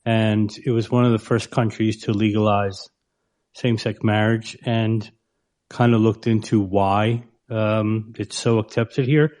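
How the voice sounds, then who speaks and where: A man from the United States on a discussion panel, speaking in a reflective, relaxed way. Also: on the low side, measured pace.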